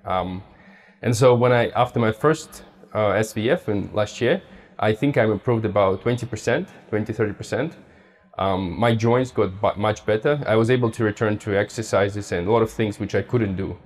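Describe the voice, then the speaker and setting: A young man answers interview questions in a fairly low voice. He speaks casually and haltingly, often breaking off and restarting mid-sentence as he searches for the right word. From Russia. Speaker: patient interviewee.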